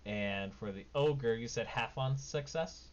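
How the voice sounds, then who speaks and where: A man's voice: medium pitch, a little slow. A man narrating as game master of a tabletop game, in a casual, informal way. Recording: dull lo-fi mic, background noise.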